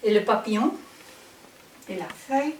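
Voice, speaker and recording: A native Dutch-speaking woman with a Flemish accent, presenting an instructional introduction in careful, halting non-native phrasing. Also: a little high, lively intonation. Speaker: psychotherapist trainer and presenter. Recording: roomy, distant microphone with faint hiss.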